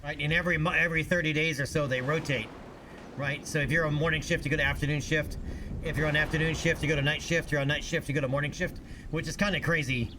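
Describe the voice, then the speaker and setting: A man's voice: a little high, fairly even intonation, fast talker, noisy background. A man streaming a game and chatting casually, explaining at length with lots of fillers. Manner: rambling explainer, many fillers. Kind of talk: casual live-stream chat.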